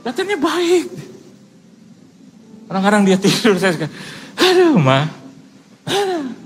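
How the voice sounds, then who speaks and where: A male pastor telling stories in a humorous sermon, in a casual, lively way, acting out other people's voices. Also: sits high. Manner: lively, acts out quoted voices; casual colloquial speech with fillers.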